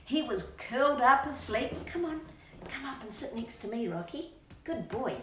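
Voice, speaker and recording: Her voice is a little high, with lively intonation and a moderate pace, as this middle-aged Australian woman chats playfully with children and her dog during storytime on a couch indoors at home. She coaxes them along with sing-song questions. The recording is roomy and echoey from a distant mic, with slight background noise.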